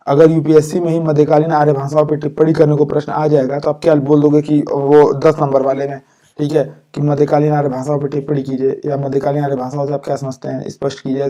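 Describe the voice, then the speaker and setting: A man's voice: on the high side, warm tone. A man teaching an exam-prep class, stopping often to say "okay" and restarting words. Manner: repeats "ठीक है" after points, with fillers and restarts.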